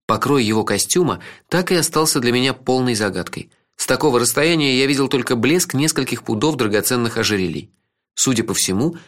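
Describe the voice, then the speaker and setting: Lively male audiobook narrator. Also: medium pitch. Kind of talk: first-person audiobook narration.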